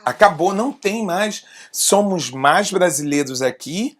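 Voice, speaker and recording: A Brazilian woman hosting an interview, prompting her guest with relaxed, supportive interjections. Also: fairly low pitch, a little slow. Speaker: interviewer, show host. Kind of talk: casual interview chat.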